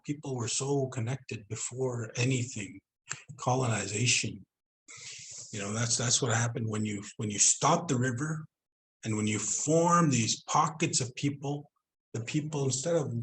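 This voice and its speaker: Man presenter with a Northern Cree accent, unhurried conversational teaching over a video call. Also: mid-range voice, slight background noise. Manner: conversational, drawn-out storytelling with repeated "you know". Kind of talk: online cultural presentation.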